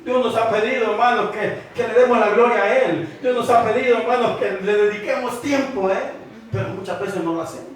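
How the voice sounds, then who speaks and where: A man's voice: high-pitched, a little fast, few pauses. A man preaching a sermon in a church, repeatedly calling out "brothers" and questioning the congregation. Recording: echoey hall from far off.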